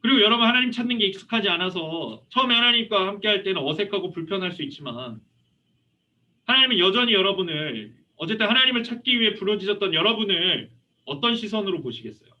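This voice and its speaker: 남성 설교자, 생동감 있고 약간 먼 소리. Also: male voice, high voice, quick pace. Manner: animated storytelling, voicing a child and asking the audience questions. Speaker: youth pastor. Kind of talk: lively youth sermon with anecdotes. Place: church hall. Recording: muffled, from a distance.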